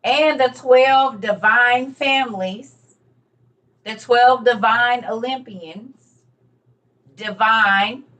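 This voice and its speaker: Woman, casual emphatic lecture to viewers, slightly high voice. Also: drawn-out words, long pauses, fairly bright tone, far from the mic. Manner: emphatic, repetitive, teaching as she reads. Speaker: online teacher on religion and history.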